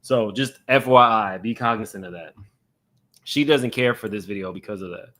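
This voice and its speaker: A man's voice: fairly low pitch, normal speed, fairly bright tone. A man hosting casual reaction commentary in a blunt, unapologetic, conversational way. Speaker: host of a commentary channel.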